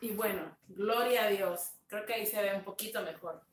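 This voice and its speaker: A woman pastor speaking slowly and tenderly on a livestream, sharing a testimony and greeting viewers, sometimes slipping in English words. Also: medium pitch, roomy sound, distant mic, a little hiss or hum. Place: home room, dim. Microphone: phone on a live stream.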